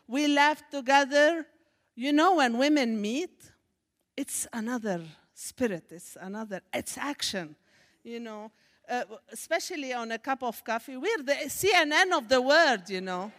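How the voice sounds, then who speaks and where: In an echoey church sanctuary, a Syrian woman, a native Arabic speaker with a Syrian Arabic accent, gives her testimony to the congregation as a guest speaker. Her high voice is unhurried with lively intonation, warm and preacherly, rising to emphatic exclamations.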